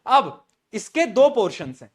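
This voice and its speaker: A man's voice: very high-pitched, sing-song, a little slow, slightly rough. A man teaching a live online science class, joking with his students and answering his own quiz questions. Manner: playful, joking, quizzing students and answering himself.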